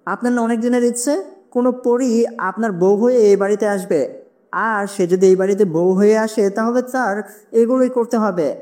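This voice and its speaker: Narrator plays a gentle fairy bride-to-be in a storybook horror tale, soft and calm. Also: mid-range voice, moderate pace, close to an everyday voice. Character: gentle young female fairy.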